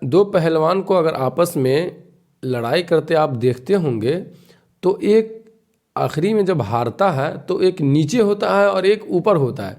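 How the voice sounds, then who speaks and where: A man teaching the alphabet over a screen lesson, his voice sitting a little higher than most men's. He drills the letter sounds slowly and patiently, and often stops to quiz the learner. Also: lively intonation, darkish tone. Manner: patient, repeats and quizzes the learner. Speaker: Urdu teacher.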